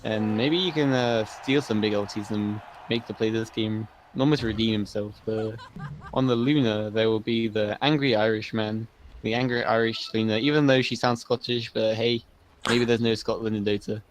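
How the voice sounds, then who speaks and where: A man's voice: lowish voice, fairly even intonation, moderate pace, poor audio. A man giving live analysis of a video game match in a chatty, analytical way. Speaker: esports caster.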